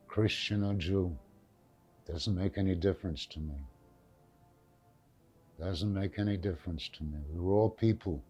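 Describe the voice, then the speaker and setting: Elderly man, Yiddish accent, slow and low. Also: warm tone, lo-fi sound. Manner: plain-spoken, short repeated phrases, drops in Yiddish words. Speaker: Holocaust survivor giving testimony. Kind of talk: reminiscing in an interview.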